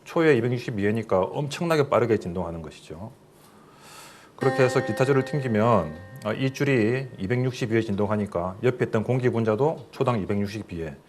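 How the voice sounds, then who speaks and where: A man's voice: lowish voice, expressive, a little fast, darkish tone, soft background music. A middle-aged man, a professor, giving a recorded lecture in a plain explanatory way, with fillers and questions to the listeners.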